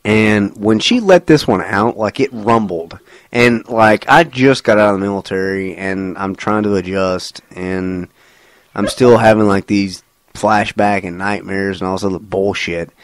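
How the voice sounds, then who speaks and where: Man, low voice, dry close sound, rambling crude banter, co-host. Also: unhurried, no room sound. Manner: rambling, laughing, profane storytelling.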